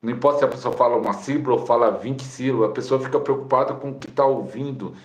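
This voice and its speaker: A man's voice: medium pitch, fast. A man with a Brazilian accent, co-hosting a live stream, who explains things conversationally with fillers. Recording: roomy echo.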